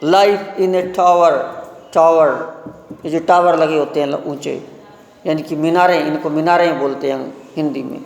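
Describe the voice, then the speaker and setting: A man teaching a live English class, reading a poem slowly and explaining each line in Hindi. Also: on the high side, steady tone, gravelly, a little mellow. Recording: echoey room with long reverb.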